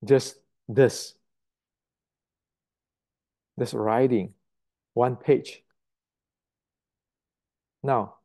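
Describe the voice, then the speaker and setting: An older Indonesian man with a mellow, medium-pitched voice delivers a blunt, forceful martial arts lecture to the camera. He repeats words while searching for the right ones.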